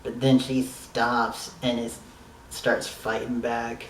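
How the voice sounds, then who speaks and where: A man's voice: medium pitch, flat delivery, slow pace, fairly bright tone, reverberant, far from the mic, a little hiss or hum, rough recording. A man giving a casual, rambling, enthusiastic review of a TV episode, swearing now and then.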